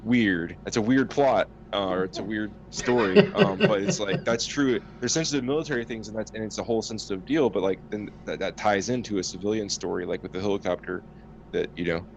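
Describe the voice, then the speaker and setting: A man's voice: on the low side, lively intonation, fairly quick, gravelly, lo-fi sound, crowd noise. A man on an open group chat, talking loosely with many fillers. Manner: loose, filler-heavy talk.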